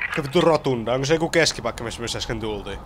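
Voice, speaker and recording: Swearing, excitable young gaming commentator. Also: male voice, medium pitch. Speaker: gaming streamer. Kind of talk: let's play commentary. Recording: game sound noise behind. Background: video game sound.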